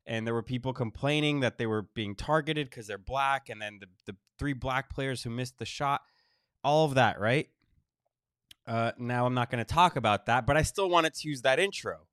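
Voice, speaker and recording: A male podcast host, still recovering from illness, delivers a casual monologue while wheezing and short of breath, halting with pauses and repeating phrases. His mid-range voice is smooth and a bit bright, captured in clean studio sound with no room noise.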